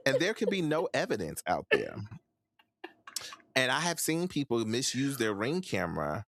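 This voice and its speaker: A man's voice: mid-range voice, wildly swooping pitch, moderate pace, creaky, fairly bright tone, slight background noise. A man hosting a casual podcast chat, ranting emphatically and swearing freely. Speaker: podcast host.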